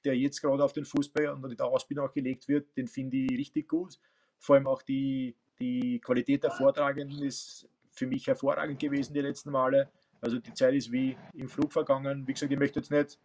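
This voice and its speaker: Flat-voiced Austrian man on a video call. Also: mid-range voice. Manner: thoughtful, many fillers and restarts. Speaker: football coach and teacher. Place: home room with bookshelves. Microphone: webcam on video call.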